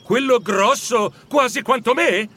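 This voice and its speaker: A man voicing a cheeky young street boy in a storybook reading, speaking up high. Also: a little slow, bright, forceful tone, full character voice.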